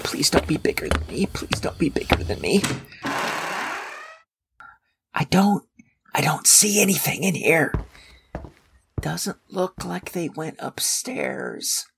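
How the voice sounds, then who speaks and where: A woman playing an anxious, sarcastic young sorcerer's apprentice in an audio drama, husky and prone to stammering indignation. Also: sits low, expressive, slow pace, background noise, heavily acted. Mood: nervous, self-coaxing. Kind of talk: scripted audio drama acting.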